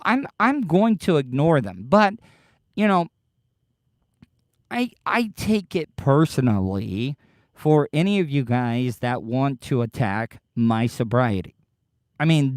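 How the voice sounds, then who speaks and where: Man, casual livestream host, slurred lip-full-of-dip speech, unhurried pace, halting, defensive, sweary, close dry sound. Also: medium pitch, no room sound. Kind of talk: casual livestream chat, answering live commenters.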